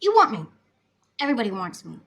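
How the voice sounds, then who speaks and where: A woman's voice: medium pitch, huge pitch swings, fast talker, gravelly, a bit bright, slightly rough, exaggerated voice. Vain, flirtatious congresswoman guest, played by a woman for sketch comedy: hesitant, smug, self-absorbed. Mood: smug, insistent.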